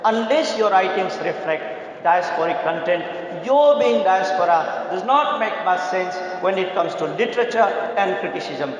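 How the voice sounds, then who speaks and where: A Nepali man addresses a festival panel as a literary critic, giving a formal conference speech in a large hall. His voice is high-pitched with lively intonation, yet his delivery is measured and deliberate, with pauses. The hall is very echoey, with faint background noise.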